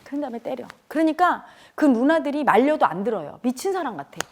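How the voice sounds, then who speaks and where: A woman's voice: high-pitched, sing-song, fast talker. Earnest middle-aged woman telling a painful story. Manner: tearful and earnest, rising to cries when reliving events. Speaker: speaker at a spiritual community talk. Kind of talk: emotional personal storytelling.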